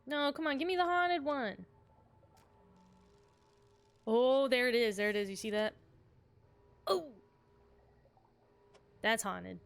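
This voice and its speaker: A woman with a fairly high voice streams a game. She keeps up casual commentary in a chatty, playful way, as if talking to friends. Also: slow, vocal fry, pauses often, clear, resonant tone.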